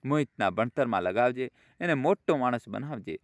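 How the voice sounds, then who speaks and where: A man's voice: mid-range voice, animated, moderate pace, no echo, studio quality, close to an everyday voice. A man doing a remorseful, hot-tempered son. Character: middle-aged son, remorseful and quick-tempered.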